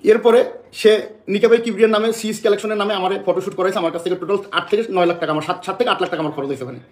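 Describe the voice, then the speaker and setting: A man's voice: sits high, rapid-fire, roomy sound. A man from Bangladesh making an emotional public statement to the press, agitated and repeating phrases over and over.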